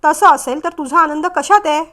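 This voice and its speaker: A woman's voice: high-pitched, moderate pace. A woman voicing a stern, protective elder brother who speaks sharply. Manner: sharp, scolding.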